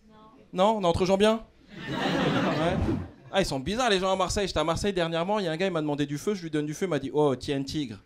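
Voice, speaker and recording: A man's voice: sits high, fast talker, long pauses, crowd noise. A man doing a stand-up routine on a comedy club stage, playfully addressing the audience. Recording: live club audience laughter.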